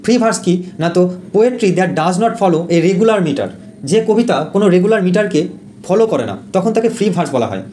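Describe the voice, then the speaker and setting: A man teaching an exam-prep lesson, who explains in Bengali, reads English definitions slowly and often pauses with fillers and corrects himself. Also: high voice, lively intonation, darkish tone, slight background noise. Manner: frequent fillers and self-corrections.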